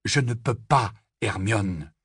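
A man's voice: lowish voice, lively intonation, takes it slowly, fairly bright tone, slightly rough, no room sound, studio quality, full character voice. A man voicing a weary, defensive teenage boy. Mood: guarded.

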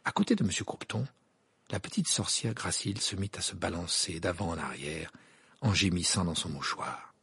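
A man narrating an audiobook in an expressive, dramatic reading style with a gravelly, husky voice. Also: low voice, moderate pace, no room sound. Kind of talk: scripted narration.

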